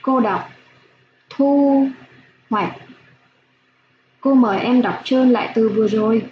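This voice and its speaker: A woman primary school teacher giving a slow phonics lesson for young children, spelling out sounds clearly with gentle instructions. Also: a little high, steady tone. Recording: echoey room, dull lo-fi sound, faint hiss.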